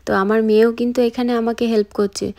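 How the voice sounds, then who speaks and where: A woman's voice: a little high, little pitch movement, quick pace, warm tone. A woman from India, narrating a casual home vlog as a mother and chatting to viewers as she points things out. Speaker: vlogger and mother. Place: family home.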